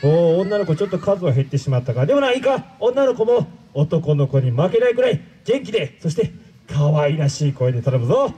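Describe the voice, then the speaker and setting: An actor playing a pompous male android villain, speaking grandly to a live show crowd and shouting his calls. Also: fairly high pitch, big pitch swings, a little fast, breathy edge, poor audio. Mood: commanding. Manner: grandiose commanding speech, loud shouted calls. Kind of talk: live character-show acting.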